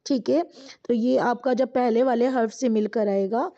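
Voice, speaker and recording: A woman teaching an Arabic reader lesson, reading each word slowly and drawn out, then explaining it quickly. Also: a little high, steady tone, mellow, lo-fi sound. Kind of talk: explaining a language textbook lesson.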